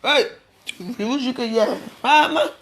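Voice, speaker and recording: A woman's voice: fairly high pitch, a little slow, a bit bright. A woman, ranting in a casual gossip vlog, mocking and insulting with frequent laughter. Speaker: vlogger. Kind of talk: casual gossip rant to camera.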